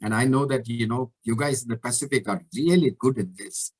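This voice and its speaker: A man giving a motivational talk to coaches, telling a story in an animated, emphatic way. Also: medium pitch, fairly quick, husky. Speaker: coach educator.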